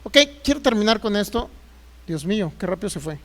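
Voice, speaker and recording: A man's voice: high voice, expressive, fairly quick. A man preaching a sermon as a pastor, emphatic and acting out the voices he quotes.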